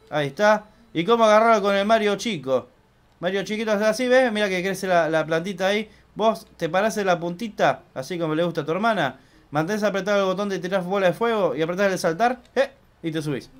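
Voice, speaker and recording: A young man with an Argentine accent hosting a casual let's-play, chatty and excitable, swearing loudly when he fails. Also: high voice. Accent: Argentine Spanish. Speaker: gaming channel host.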